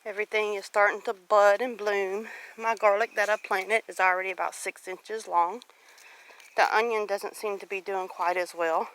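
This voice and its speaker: A devout, encouraging woman in her late forties wanders her rural property, chatting reflectively and casually to viewers in a homestead vlog. Her voice is mid-range and fairly bright, with fairly even intonation at a moderate pace. Recorded outside, the audio is poor, with clear background noise.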